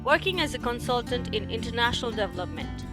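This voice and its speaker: A woman from Nepal co-hosting a podcast, giving measured, scripted narration. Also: a little high, animated, music in the background. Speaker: podcast co-host.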